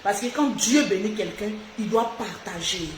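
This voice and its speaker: A woman's voice: medium pitch, animated, normal speed. A woman hosting a casual live stream, talking outspokenly and animatedly straight to her viewers. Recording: echoey room with faint noise.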